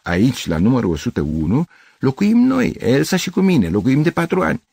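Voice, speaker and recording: A man's voice: fairly low pitch, very animated, a little mellow, slightly rough, dry recording. An older man voicing a bewildered, polite middle-aged man who grows anxious and pleading. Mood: polite, confused. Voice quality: courteous, increasingly agitated pleading.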